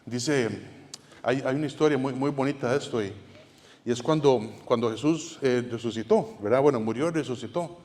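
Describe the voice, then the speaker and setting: A pastor delivers a sermon in a church sanctuary, his medium-pitched, darkish-toned male voice moving at a moderate pace. His style is conversational, full of restarts and tag questions, and long reverb fills the church hall recording.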